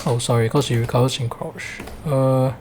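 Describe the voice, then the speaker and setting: A man's voice: medium pitch, fairly even intonation, normal speed, a little mellow. A man with a Singlish accent, coaching a fighting game in a casual, colloquial way and often checking with "right?".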